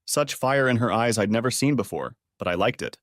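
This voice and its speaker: A man narrating a first-person audiobook story in an earnest, steady manner. His voice sits at an ordinary pitch, and the recording is close and dry, with no room sound. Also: brisk, no room sound.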